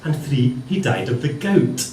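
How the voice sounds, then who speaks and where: A man from Scotland's Western Isles, with a Hebridean accent, performs a live stand-up monologue before an audience, telling stories in a dry, wry manner. His medium-pitched voice swings widely in pitch at a measured pace, picked up by a distant mic in an echoey room with faint noise.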